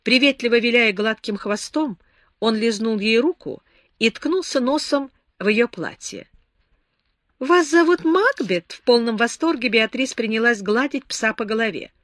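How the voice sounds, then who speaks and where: A woman narrating a novel in a calm storytelling voice. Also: on the high side, normal speed, dry recording, studio quality. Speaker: audiobook narrator. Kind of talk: scripted narration.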